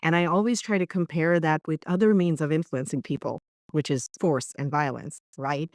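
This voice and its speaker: A woman's voice: deep voice, steady tone, moderate pace, a little mellow, no echo, clean studio sound. A woman from Bangladesh, a corporate lawyer, telling her story earnestly as a podcast guest. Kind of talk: podcast interview.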